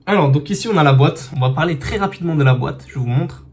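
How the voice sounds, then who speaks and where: A tech reviewer casually unboxes and reviews earbuds indoors, filmed on a phone camera. He talks fast in a slightly high voice, chatty and full of fillers and restarts.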